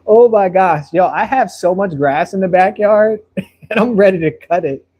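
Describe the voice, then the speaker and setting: A man's voice: high-pitched, moderate pace, darkish tone. A man in his thirties chatting casually while painting, answering viewers' comments in a rambling, friendly way and repeating words as he thinks. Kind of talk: casual live-stream chat while painting.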